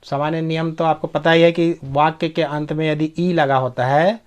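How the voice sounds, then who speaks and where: A man's voice: on the high side, steady tone, normal speed, clean tone. A man giving a pronunciation lesson, spelling words out letter by letter, repeating each word and checking that his listeners follow. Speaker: English pronunciation teacher.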